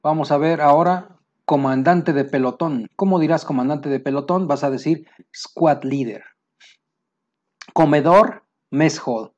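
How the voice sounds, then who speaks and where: A man with a Mexican Spanish accent teaching military vocabulary, pausing to say each English term slowly and plainly. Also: a little high, lo-fi sound. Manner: explains terms, slows down for English words. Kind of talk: vocabulary lesson.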